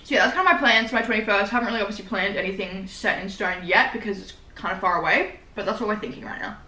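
A woman's voice: mid-range voice, quick pace, sharp tone. A nineteen-year-old woman with an Australian accent chatting casually and slangily in a mukbang eating vlog, recorded in a living room. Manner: informal, slangy, rambling. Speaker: vlogger. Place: small living room, indoors. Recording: roomy indoor echo.

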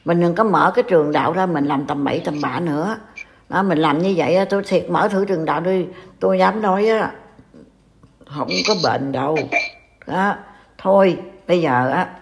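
A woman's voice: sits low, gravelly, darkish tone. An older woman from Vietnam with a Southern Vietnamese accent, scolding and warning in a casual online talk. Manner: scolding, reproachful. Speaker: commentator.

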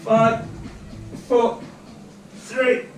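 High-pitched man barking as a gym coach. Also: monotone, extremely slow. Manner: exerting himself while instructing. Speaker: fitness coach. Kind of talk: live workout instruction with countdowns. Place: brick-walled garage gym. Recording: echoey room, distant mic. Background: faint workout music.

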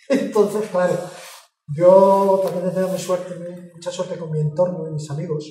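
A woman, talking in a casual interview. She speaks frankly, swears and gets animated when she tells stories. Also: on the low side, measured pace. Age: 50s. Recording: roomy, distant mic with music behind.

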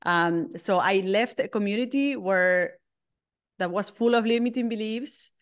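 A middle-aged woman with an Argentine Spanish accent speaks in English, her second language. Her voice is smooth and clear. She answers reflectively, pausing on ums and restarting phrases as she thinks. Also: mid-range voice. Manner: thoughtful, frequent restarts and ums. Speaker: guest, lettering artist.

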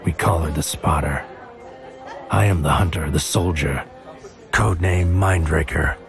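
A man with a bass voice, creaky and exaggerated, portrays a brooding, paranoid hitman in a surreal audio drama. His haunted, poetic inner monologue is delivered deliberately as noir-like scripted narration, often dropping to whispers over background music.

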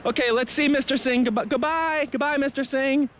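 Brash high-pitched man hosting a street quiz. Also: steady tone, fairly bright tone. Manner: brash, mocking, rapid-fire. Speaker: street game show host. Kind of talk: loud comic street quiz. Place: busy city street outdoors. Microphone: handheld mic. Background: traffic and street ambience.

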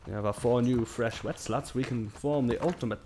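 A young man gives casual gameplay commentary in a medium-pitched, fairly quick voice against a noisy background of game music and sound. He streams while rambling to himself and cracking crude jokes.

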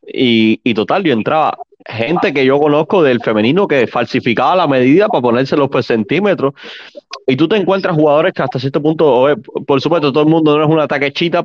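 A man with a Cuban Spanish accent hosting an interview, relaxed and colloquial, chiming in with short replies. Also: medium pitch, no room sound, lo-fi sound. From Cuba. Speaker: interviewer, show host. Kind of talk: conversational interview.

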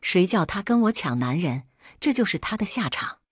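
A woman's voice: lowish voice, very animated, normal speed, breathy edge, no room sound, studio quality. A woman voicing a jealous, scheming young concubine who shifts from sweet coaxing to cold sneers. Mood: sneering. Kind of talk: storytelling voice acting.

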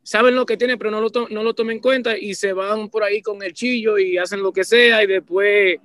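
A man's voice: high-pitched, steady tone, brisk, fairly bright tone. A man, a band leader talking passionately in an interview, repeating himself and restarting phrases. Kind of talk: casual interview talk.

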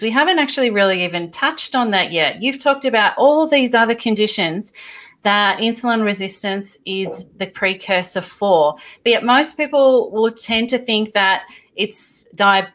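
A woman's voice: mid-range voice, fairly bright tone. A woman hosting a podcast, asking questions in a conversational, earnest way. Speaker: podcast host. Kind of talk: podcast interview.

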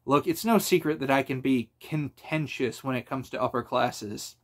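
A man voicing a brash young adventurer in an audiobook reading, with a wry, animated delivery. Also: medium pitch, moderate pace, close to an everyday voice. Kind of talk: audiobook character voice.

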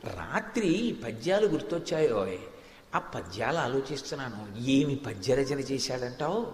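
A gentle old scholar lost in verse speaks in a soft, low, quiet way, as a man quotes him in a sermon. His voice hangs in a long hall reverb. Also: animated, a little slow, close to an everyday voice. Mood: fond. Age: older. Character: elderly male scholar, gentle, absorbed in poetry.

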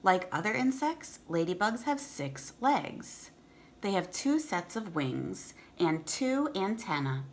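Reading slowly in a medium-pitched voice full of big pitch swings, a thirtysomething woman takes on a teacher's role with a children's picture book. She enunciates carefully for young kids and explains as she reads. The recording, made in a room at home, has a little hiss or hum.

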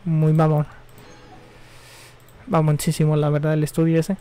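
Young male streamer, a touch high-pitched, loose and slangy, drifts between game and news. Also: monotone, unhurried, warm tone, clean tone. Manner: rambling, offhand, slangy and self-correcting. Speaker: gaming streamer. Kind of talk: casual live-stream chat while gaming.

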